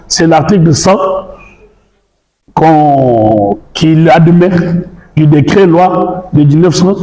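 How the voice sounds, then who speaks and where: A man's voice: fairly high pitch, dark tone. A Congolese man, a lawyer, making a formal and methodical statement, arguing his case point by point. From Congo (DRC). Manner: argumentative, methodical, citing law articles. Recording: echoey room.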